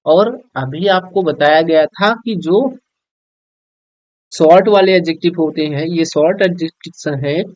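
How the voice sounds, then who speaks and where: A man's voice: a little high, unhurried, a little mellow, no echo. A man with a Hindi accent teaching a grammar lesson to school students, often asking "okay?" as he explains. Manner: addresses students as children, frequent "theek hai" check-ins. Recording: dull, dry lo-fi recording.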